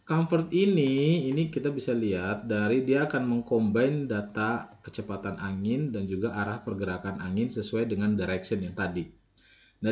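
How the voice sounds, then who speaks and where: A software tutorial instructor walks through a tool step by step in a screen recording, using frequent filler tags and correcting himself. His voice is lowish, and the audio's highs are cut off.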